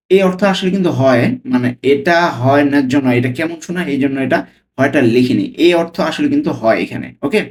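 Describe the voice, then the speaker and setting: A man from Bangladesh gives a spoken lesson as a tutor. He breaks each phrase into single words, says them slowly and repeats them, often stopping to ask "okay?". His voice sits at an ordinary middle pitch for a man. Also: a little mellow. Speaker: language tutor. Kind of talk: spoken lesson, Italian phrases explained in Bengali.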